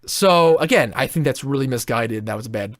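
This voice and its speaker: A man's voice: medium pitch, animated, fairly quick, fairly bright tone, dry recording, studio quality. A man in casual podcast chat, reviewing theme parks in a blunt, opinionated way and swearing freely.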